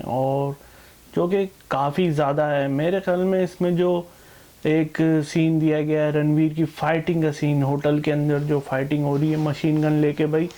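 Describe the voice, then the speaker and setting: Chatty male film reviewer, slightly high voice. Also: dark tone. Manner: conversational, rhetorical asides addressing viewers. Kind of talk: casual film review chat.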